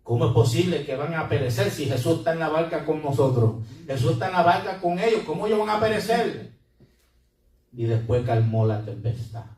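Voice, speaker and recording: A pastor preaches in a roomy, echoing church hall, his fairly high voice picked up from across the room. He slips English words into his talk as he preaches to the congregation. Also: lively intonation, fairly quick, a little mellow. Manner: preaching with Spanish-English code-switching. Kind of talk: sermon. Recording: echoey room, mic from a distance.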